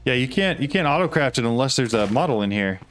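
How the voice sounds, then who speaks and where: Male streamer, mid-pitched, casual and puzzled, thinking aloud over light music. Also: lively intonation, quick pace. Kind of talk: casual live gameplay talk.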